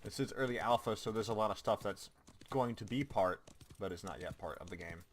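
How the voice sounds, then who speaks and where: A man's voice: on the low side, brisk, slight background noise. A man streaming a game, chatting casually and joking, laughing often as he plays. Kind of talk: casual gameplay commentary.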